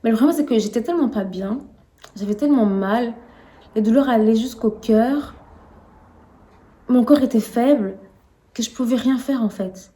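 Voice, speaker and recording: A young woman vlogging her own story, animated and acting out the voices of the people in it. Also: a little high, normal speed, long pauses. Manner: animated, acts out her own and others' quoted words, laughs at herself. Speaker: vlogger telling her testimony. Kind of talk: casual storytelling to camera.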